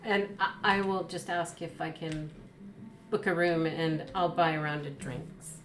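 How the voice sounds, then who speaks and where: A woman's voice: deep voice, fairly even intonation, measured pace, a little hiss or hum. A woman playing in a tabletop game, joking playfully with the table. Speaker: player. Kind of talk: tabletop role-play chat. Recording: roomy sound with music behind.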